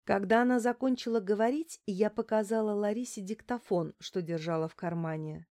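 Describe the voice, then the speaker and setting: Woman reading a detective audiobook, mid pitch, calm, dead dry mic. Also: a little fast, dry recording. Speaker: audiobook reader. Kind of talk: first-person detective novel narration.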